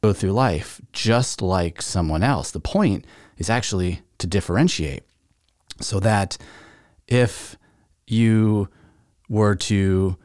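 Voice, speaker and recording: A man with a fairly low voice hosts his own podcast in a relaxed, chatty way. He keeps turning to the listener with rhetorical questions. The sound is close and dry, with no room echo. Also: takes it slowly, pauses often. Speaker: podcast host. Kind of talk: casual solo podcast talk.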